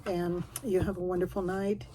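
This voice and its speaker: A woman's voice: lowish voice, flat delivery, moderate pace, dark tone, slight background noise. A middle-aged woman, chatting casually and a bit self-deprecatingly as she flips through a craft journal. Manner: folksy, self-deprecating, rambling. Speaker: craft vlogger.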